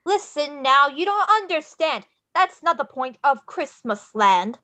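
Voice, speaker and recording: A woman playing an excitable, theatrical showman in a musical script read, with declamatory, singsong phrasing. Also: high-pitched, a little slow, exaggerated voice. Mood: insistent, explaining. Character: Jack, theatrical, excitable showman leader of Halloween Land.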